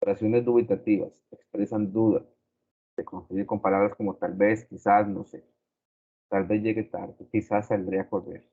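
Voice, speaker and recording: Guy teaching a grammar class, slow and deliberate, kinda low voice, sounds like a phone recording. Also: flat delivery, husky, phone-quality sound. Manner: slow, deliberate, repeats examples. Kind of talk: grammar lesson.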